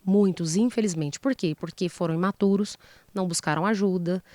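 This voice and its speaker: This woman has a lowish, dark-toned voice and talks fairly quickly with no echo around her. As a psychologist guest in an interview, she teaches relationship advice, acting out sample dialogue lines and using rhetorical questions.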